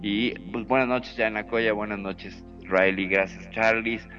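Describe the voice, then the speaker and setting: Guy w northern mexican accent, lowish voice, joking around on a radio show, music behind him. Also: steady tone, measured pace, a bit bright. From Sonora, Mexico. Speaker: radio co-host. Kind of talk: casual live radio chat. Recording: muffled lo-fi online radio with background music.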